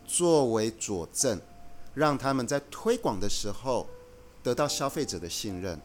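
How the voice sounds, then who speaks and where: A man who is a guest executive on a podcast, explaining his company's approach in a measured, earnest way. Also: medium pitch, animated, faint music behind. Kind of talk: casual podcast conversation.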